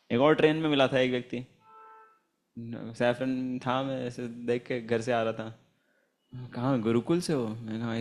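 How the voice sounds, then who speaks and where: A man teaching a Gita class in a chatty, storytelling manner, laughing often and chanting Sanskrit verses. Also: medium pitch. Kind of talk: informal scripture class with anecdotes.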